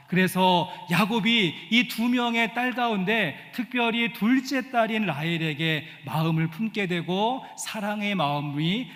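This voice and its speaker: A man's voice: high voice, fairly bright tone. A male pastor preaching a sermon, explaining a passage step by step and asking the congregation questions. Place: church sanctuary. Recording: long church reverb.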